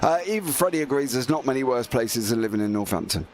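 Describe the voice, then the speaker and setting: A man's voice: medium pitch, animated, quick pace, darkish tone. A man co-commentating on a motor race in a chatty, joking, conversational way.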